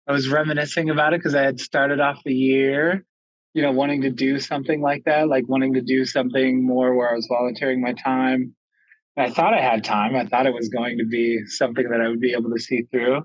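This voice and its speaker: A man chats with his guest over a video call, loose and easygoing, pausing on fillers as he thinks. His voice sits at a middle pitch. The call audio is dry and a little dull. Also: little pitch movement, dry recording. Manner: easygoing, hesitant with many fillers. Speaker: interviewer. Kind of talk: casual video call chat.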